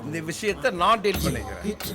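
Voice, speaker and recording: A sly, meddling neighbour. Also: male voice, high voice, expressive, a little fast, background noise. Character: meddling, sly neighbour who offers to sort it. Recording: film soundtrack with loud music. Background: background music.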